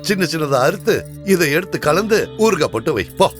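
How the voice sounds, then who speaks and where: A man's voice: a little high, big pitch swings, brisk, soft background music. An actor voicing a bossy male lawyer who brushes off his wife. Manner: dismissive, bossy. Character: bossy middle-aged male lawyer husband. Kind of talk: dubbed film acting.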